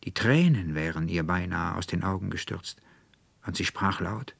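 A man reading a fairy tale aloud in measured, deliberate scripted narration. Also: low voice, expressive, vocal fry, a bit bright, breathy edge, dry recording. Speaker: audiobook narrator.

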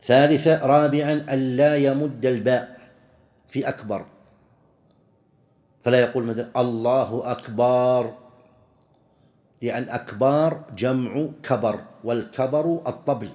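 A man teaching a jurisprudence lesson, commenting on a text read aloud and repeating examples slowly. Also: medium pitch, a little mellow, roomy sound.

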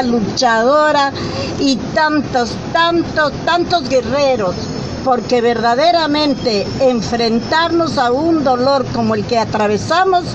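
An older woman from Ecuador with an Ecuadorian accent, speaking at an outdoor rally in an emotional, halting way, searching for words. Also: sits high. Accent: Ecuadorian Spanish. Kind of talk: public address at an outdoor protest. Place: outdoor city plaza with traffic. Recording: noisy outdoor street recording.

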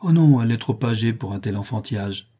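A man reading a brisk, kindly apothecary. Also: lowish voice, animated, dark tone, breathy edge. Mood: questioning. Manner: brisk, questioning. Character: kindly blunt male apothecary, middle-aged. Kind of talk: audiobook reading.

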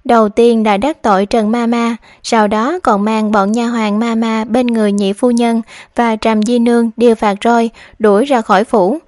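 Sly young maidservant, read by a woman: feigned concern, hushed and pleading. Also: fairly high pitch, flat delivery, normal speed, hardly any pauses, no room sound, clean studio sound, close to an everyday voice. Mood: worried pleading.

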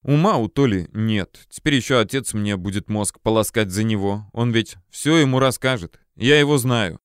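A man reading an audiobook voices a spirited, caring young woman, speaking livelier and higher than his narration. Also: normal speed, smooth, no echo, clean studio sound, close to an everyday voice. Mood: coaxing.

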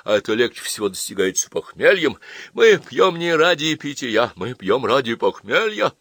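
A man's voice: mid-range voice, very animated, fairly bright tone, no room sound, clean studio sound, pitched above the performer's own voice. A man playing a drunk, sermonizing father. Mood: drunk, solemn. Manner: slow, pompous, sermonizing. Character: drunken, philosophizing middle-aged father.

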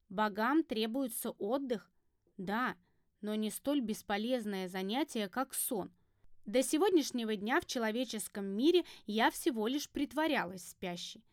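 A woman narrating a fantasy audiobook in first person with a lively, wry storytelling manner. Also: a little high, dry recording, clean studio sound.

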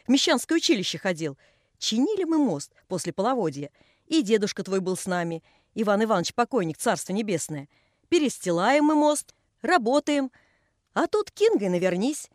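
A woman's voice: a little high, dry recording, clean studio sound. A woman voicing a pious old male carpenter who scolds and tells long folksy stories. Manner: folksy, chiding.

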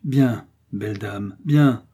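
A man reading aloud and playing a bold young swordsman, gallant and teasing, in a husky, dark voice. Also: lowish voice, slow pace. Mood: mocking. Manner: gallant, mocking confidence.

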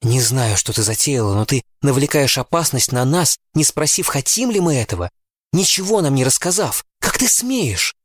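A man's voice: normal speed, few pauses, darkish tone, dry recording, studio quality, natural voice. A man reading an audiobook, voicing an indignant teenage girl who accuses her friend. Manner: shrill accusing outburst.

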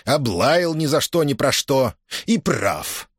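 A man's voice: mid-range voice, big pitch swings, takes it slowly, husky, dry recording, studio quality, pitched above the performer's own voice, exaggerated voice. A man reading a novel aloud, voicing a bullying grown cossack farmer who barks orders. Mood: angry. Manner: mock-tender coaxing turning to barking orders.

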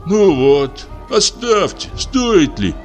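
A flustered, fawning middle-aged man hushes a row and bellows toasts, as a male reader plays him. His voice is high and lively in pitch. A faint music bed sits under this audiobook play. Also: drawn-out words, heavily acted. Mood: embarrassed. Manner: embarrassed, then loud toasting.

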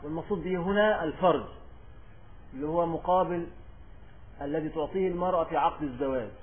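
A man with an Egyptian accent teaches in a high voice, reading quoted lines slowly and loudly before explaining them. He keeps circling back with repeated phrases and rhetorical questions. The lecture comes through a thin, tinny recording. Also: slight background noise. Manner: reads quoted text slowly and louder. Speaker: religious teacher.

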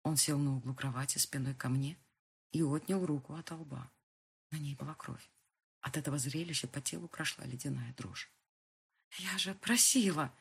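A woman narrating a first-person audiobook with a husky voice and tense dramatic reading. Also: extremely low pitch, steady tone, moderate pace.

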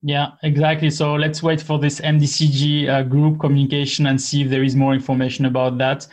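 A man's voice: fairly high pitch, flat delivery, a little fast. A man who is a non-native English speaker, hosting an interview conversationally and rewording his phrases as he goes. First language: not English. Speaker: interview host.

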